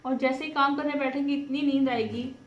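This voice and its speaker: A woman's voice: sits high, steady tone, fairly quick, lo-fi sound. A chatty mother, talking casually to viewers in a vlog and mixing in English words. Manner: chatty, mixes Urdu and English. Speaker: mother and vlogger. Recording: echoey room, faint background noise.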